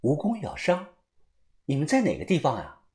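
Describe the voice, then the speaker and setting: A narrator voicing a woman healer who speaks quietly and low over a faint phone line. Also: huge pitch swings, normal speed. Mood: calm. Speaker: traveling doctor.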